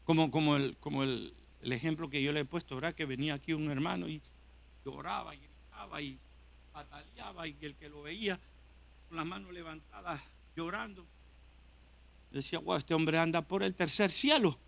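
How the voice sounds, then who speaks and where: A man's voice: a little high, moderate pace, gravelly, long pauses, a bit bright. A man, a pastor, preaching a sermon with impassioned emphasis and direct questions to his congregation, in a church.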